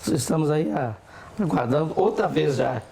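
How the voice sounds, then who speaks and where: A man's voice: fairly high pitch, expressive, moderate pace, gravelly, a crowd in the background. A man with a Brazilian accent reminiscing casually as an interview guest, often checking in with short tag questions. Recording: faint background noise.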